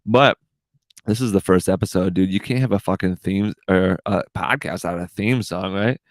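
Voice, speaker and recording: A man in his thirties hosts a casual solo podcast, rambling, swearing, and dropping "dude" into every line. His voice sits low at a moderate pace, with no echo.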